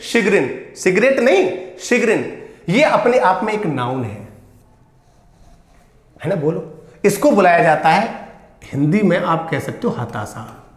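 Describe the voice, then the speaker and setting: A man teaches exam vocabulary in a slightly high, animated voice that rises and falls constantly. He drills each word, asks it back, and coaxes his students along. The room around him is echoey. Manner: addresses students as beta, repeats and quizzes them. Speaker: English teacher.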